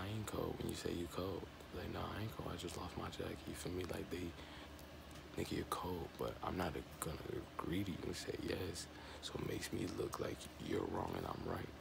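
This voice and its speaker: A man's voice: low-pitched, background noise. A man whispering casual, rambling commentary as he reacts to a clip, repeating words and cussing freely. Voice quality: whispering, gravelly. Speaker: vlogger reacting to an interview clip.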